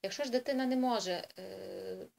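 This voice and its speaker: Woman tutor, informal video lesson for parents; chatty and explanatory, often pausing to hesitate and correct herself, mid-range voice. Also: mid-range voice, gravelly, a little mellow. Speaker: English tutor for children.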